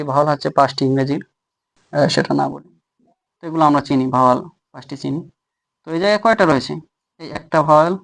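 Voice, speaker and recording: A young male teacher walks through a grammar lesson at the board. His voice sits a bit higher than most men's, and he often asks a question aloud and then answers it himself. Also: creaky.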